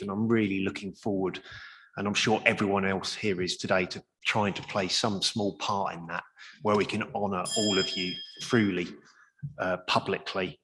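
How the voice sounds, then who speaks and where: A man, a councillor, giving a sincere, measured speech of thanks at a council meeting. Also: low-pitched, a bit bright. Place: council chamber. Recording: long reverb of a large chamber.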